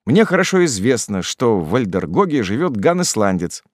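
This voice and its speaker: A man reading an audiobook, voicing a calm, curious young traveller who speaks in a measured way. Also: medium pitch, no room sound, studio quality.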